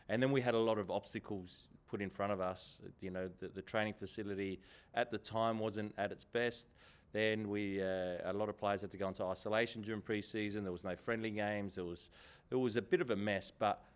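Animated coach, low voice. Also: male voice, smooth. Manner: animated, repeats key phrases for emphasis. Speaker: head coach. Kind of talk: post-match press conference answers. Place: indoor press room. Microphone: table microphone in front.

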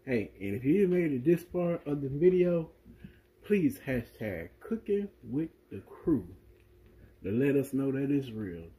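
A man's voice: mid-range voice, unhurried, rough recording. A man with a Southern US accent hosting a home cooking vlog, talking casually to viewers while he cooks at the stove. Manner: relaxed, talks straight to viewers.

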